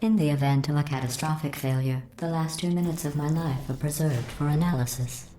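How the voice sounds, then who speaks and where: An actress voicing a cold, passive-aggressive female AI computer through a robotic filter, speaking in a deadpan, politely menacing tone. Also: deep voice, fairly quick, slight background noise. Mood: deadpan sarcastic. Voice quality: smooth synthetic monotone. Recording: echoey game audio.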